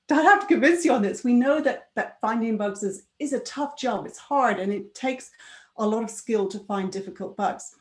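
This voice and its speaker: A woman whose voice is a bit high yet darkish presents at a conference, her words carrying reverb. She keeps it conversational, regularly adding tag questions and laughing now and then.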